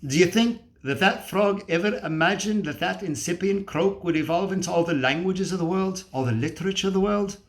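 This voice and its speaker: The monologue is fervent: a man takes on the role of a cynical, scornful, feverish apocalyptic drifter, ranting with emphasis and preachiness, swearing and firing off rhetorical questions. His voice is high-pitched and fairly quick, with hardly any pauses.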